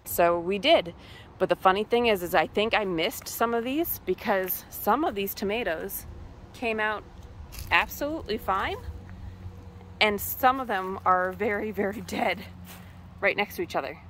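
A woman's voice: medium pitch, a bit bright, a little hiss or hum. A woman from Massachusetts casually walking through her garden and thinking aloud with many ums. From Massachusetts, USA. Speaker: homesteader giving a garden tour. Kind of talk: casual walk-through vlog. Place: outdoor garden.

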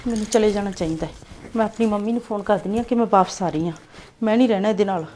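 A woman's voice: medium pitch, racing, noisy background, close to an everyday voice. A woman playing a fed-up young wife who angrily threatens to leave. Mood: angry. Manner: angry, loud.

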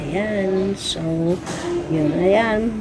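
Walking through a crowded indoor office bazaar, a Filipino-accented woman films a casual walk-through vlog on her handheld phone, drawing out her words in a mid-range voice and tossing in "ayan" between items as she chats. The phone video sounds poor, with crowd chatter around her.

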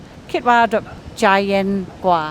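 A woman's voice: normal speed, slight background noise. A woman from England who speaks non-native, broken Thai with an English accent and English words mixed in, chatting casually and politely. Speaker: interviewer in conversation. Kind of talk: casual chat.

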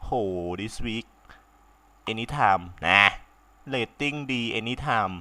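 A young man with a sore throat giving casual, excitable let's-play commentary, swearing freely and laughing often. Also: lowish voice, extremely slow. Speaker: game commentator.

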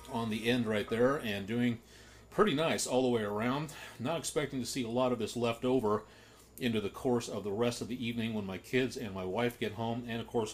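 A middle-aged man, a home cook, talking through his bread recipe in a chatty, folksy, repetitive way. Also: fairly low pitch. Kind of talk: casual cooking vlog.

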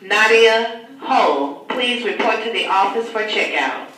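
A woman making slow, measured school announcements over the intercom, heard as a distant, echoing loudspeaker in a school hallway. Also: a little high, expressive. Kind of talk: public address announcement.

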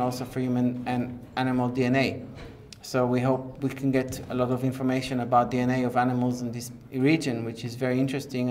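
A middle-aged man speaks at a medium pitch, explaining his research in an interview. He is hesitant and stops mid-sentence to search for words. The recording is made inside a rocky cave, with faint noise behind him. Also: darkish tone. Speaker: archaeologist leading the excavation project.

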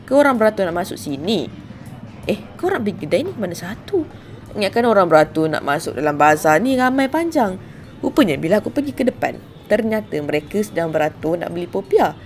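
A woman's voice: on the low side, very animated, brisk, darkish tone. A young woman with a Malaysian accent narrating a market food vlog in a casual voice-over, chatty and self-mocking, with asides to viewers. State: hungry while fasting. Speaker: food vlogger. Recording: voice-over with faint music behind.

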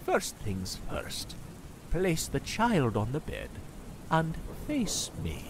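Count Dracula, suave, slow and sinister. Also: male voice, fairly high pitch, wildly swooping pitch, background noise, exaggerated voice. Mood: cold, commanding. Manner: theatrical, condescending, drawn-out delivery. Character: suave, sinister aristocratic male vampire count. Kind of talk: audio drama acting. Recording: music under the voice.

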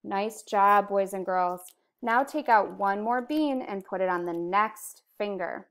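A woman in her thirties with an American accent, teaching young children in a kindergarten teacher voice, with simple encouraging phrases and clear counting. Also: medium pitch, a little slow, a bit bright. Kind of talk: slow instructional lesson to young children. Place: indoor room, recorded video lesson at a computer.

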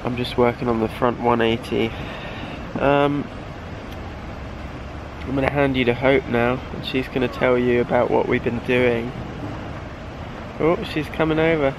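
A man's voice: mid-range voice, steady tone, a little slow, long pauses. A man in his twenties chatting casually to a handheld camera while vlogging outdoors at a resort. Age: 20s. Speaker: vlogger on honeymoon. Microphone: handheld camera at arm's length. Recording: noisy outdoor holiday camera audio.

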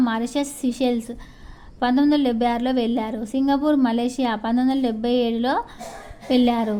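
A woman's voice: a little high, mellow. A woman narrating a biography for her channel, reading long lists of dates and awards with occasional slips and restarts. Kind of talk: read-aloud biography narration.

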